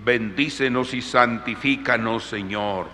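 A man leading Mass as a priest, reciting solemn, measured liturgical prayers in a long cathedral-like echo. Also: mid-range voice, crowd noise. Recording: echoing cathedral-like reverb, congregation around.

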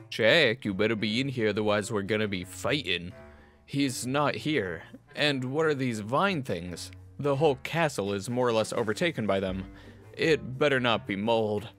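A young man playing and reading a visual novel aloud as a game streamer, sarcastic and cussing. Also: mid-range voice.

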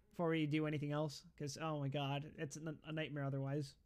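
A young man chatting casually with friends, animated and joking, often laughing. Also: a little high, moderate pace, clear, resonant tone. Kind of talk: casual chat among friends.

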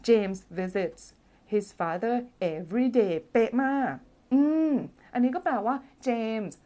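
A woman's voice: medium pitch, animated, drawn-out words, mellow. A woman teaching English grammar on a live stream, reading out viewer comments, chatty and playful, laughing often and humming as she thinks aloud. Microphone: phone or desk mic for a live stream.

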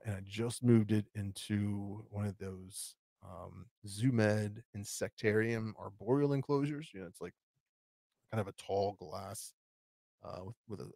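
A man chats on a live stream in a loose, rambling way, answering viewers' questions. His voice sits low and carries a gravelly fry. The sound is dry and close. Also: dark tone, no room sound. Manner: rambling, answers chat questions with frequent fillers and restarts. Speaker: tarantula channel host. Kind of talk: casual live stream chat.

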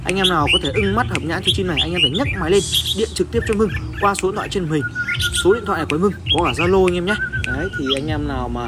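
A young man from Vietnam hosting a casual sales vlog, chatty and full of fillers as he pitches birds to viewers. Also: wildly swooping pitch, rapid-fire, over loud music. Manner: chatty, many fillers and repeated address to viewers. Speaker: bird seller, channel host. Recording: loud background noise.

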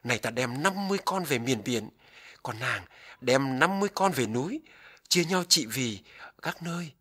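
A man's voice: mid-range voice, lively intonation, normal speed, fairly bright tone, slightly rough. A man voicing an authoritative dragon lord in a Vietnamese folktale, speaking in a firm, declarative way. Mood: firm, parting. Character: authoritative dragon lord addressing his fairy wife.

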